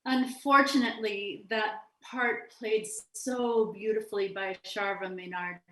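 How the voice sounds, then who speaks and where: A woman's voice: medium pitch, steady tone, unhurried, sharp tone. A woman filmmaker talking casually in a festival question-and-answer session, restarting sentences and laughing often. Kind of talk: festival Q&A conversation. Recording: roomy echo.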